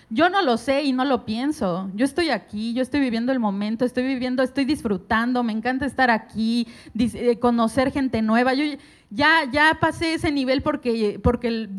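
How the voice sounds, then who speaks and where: A woman from Mexico speaking on a panel to an audience, earnest and personal, addressing them directly. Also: fairly high pitch.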